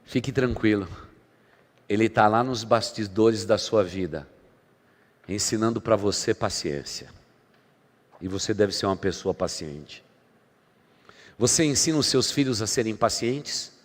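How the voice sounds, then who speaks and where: A man preaching a sermon as pastor, dramatic, swinging between loud emphasis and quiet asides. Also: lowish voice, lively intonation, measured pace, pauses often. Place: church sanctuary. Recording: long hall reverb from church.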